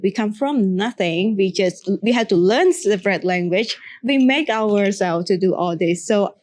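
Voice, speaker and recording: Woman, young adult, makeup artist interviewed, earnest and encouraging, halting second-language English, mid-pitched voice. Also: lively intonation, darkish tone. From Cambodia. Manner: earnest, encouraging, with restarts and broken English phrasing. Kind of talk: interview answer, advice.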